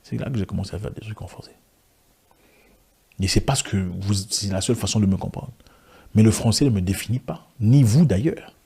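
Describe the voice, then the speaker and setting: An online video commentator, a man whose first language is an African language rather than French, speaks in a fairly low, dark, slightly rough voice with vocal fry. He talks fairly quickly but pauses often, delivering an impassioned monologue to camera full of rhetorical questions and frequent restarts.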